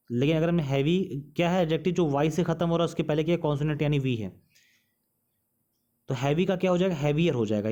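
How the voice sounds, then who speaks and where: A male teacher explaining English grammar rules in Hindi, reading the English rules out slowly and asking his students questions as he explains. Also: a little high, dark tone, dull audio.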